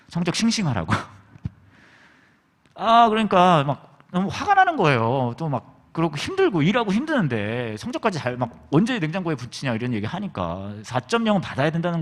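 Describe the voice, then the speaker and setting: A man's voice: a little high, moderate pace. A man preaching a humorous sermon, telling stories from his school days and acting out the people in them. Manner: lively, joking, acts out quoted people. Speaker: pastor. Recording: long reverb of a large hall.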